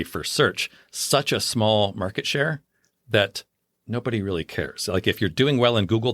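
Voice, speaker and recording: A man's voice: fairly low pitch, fairly bright tone, dry recording, clean studio sound. A man co-hosting a podcast, explaining things in a confident, opinionated, casual way. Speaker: podcast co-host.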